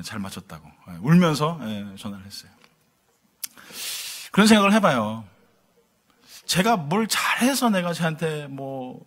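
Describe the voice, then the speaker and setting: A man's voice: fairly high pitch, a bit bright, slightly rough. A middle-aged male pastor preaching a sermon in a conversational, humorous way, full of rhetorical questions to the congregation. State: tired from lack of sleep.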